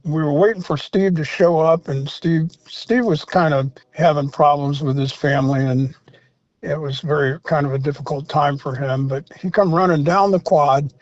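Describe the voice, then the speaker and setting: Older man, slightly high voice, rambling storyteller, dull dry recording. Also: darkish tone, dry recording. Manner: rambling anecdotes with many fillers and restarts. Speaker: interview guest, former rock singer. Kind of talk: storytelling in a casual interview.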